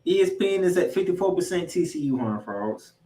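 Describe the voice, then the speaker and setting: Speaking briskly in a high-pitched voice with big pitch swings, a man gives football preview commentary on a sports podcast. He sounds like an announcer and addresses his listeners as ladies and gentlemen, captured with roomy echo and from far off the mic.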